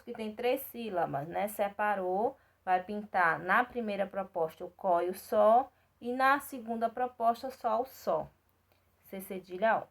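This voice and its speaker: A woman with a Brazilian Portuguese accent teaching a class of young children, patiently spelling out syllables and checking that they follow. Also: a little high. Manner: patient, repeats and checks in with "tá certo?"; spells out syllables slowly and clearly. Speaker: primary school teacher. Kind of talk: recorded remote lesson for young children.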